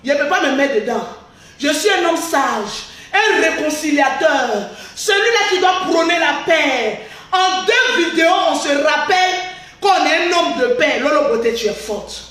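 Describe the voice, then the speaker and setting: A woman rants at a rival in a high, sharp voice, mocking and boastful, with frequent laughs and shouts. She sounds set back from the mic in a very echoey space. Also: lively intonation, unhurried, distant mic. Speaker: social media blogger. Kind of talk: boastful livestream rant.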